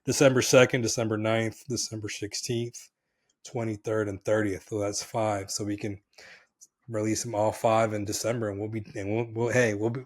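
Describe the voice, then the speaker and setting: A man co-hosting a casual podcast, a bit hoarse, talking with energy and calling his co-host brother. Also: fairly low pitch, little pitch movement, normal speed.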